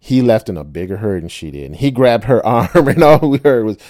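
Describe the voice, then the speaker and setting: Man, middle-aged, low voice, casual storytelling, chatty, says "right?" a lot. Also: sing-song, fairly quick, darkish tone, no room sound, studio quality. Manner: chatty, tags lines with "right?", laughs often.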